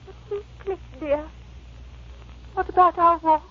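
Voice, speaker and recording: Isabella, high-voiced, coy young lady. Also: fairly even intonation, a little slow. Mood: pleading. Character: infatuated, defiant young gentlewoman. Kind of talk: old-time radio drama acting. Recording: muffled, noisy vintage radio recording.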